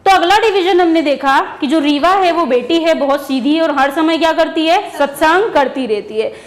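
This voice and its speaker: Her voice is high, her speed normal: this woman teacher runs an exam-prep lesson based on memory stories, asking questions, answering them on her own, and repeating the key words.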